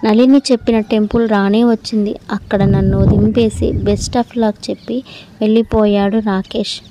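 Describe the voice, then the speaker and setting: A woman reading a short story aloud in the first person, in a steady storytelling manner. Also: medium pitch, moderate pace, very noisy. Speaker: story narrator.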